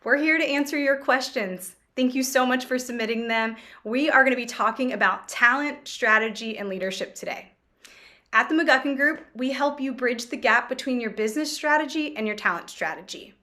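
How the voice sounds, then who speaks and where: Bright-voiced woman host, kinda high, upbeat and friendly. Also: normal speed. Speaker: interview host, company executive. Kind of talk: business Q&A interview.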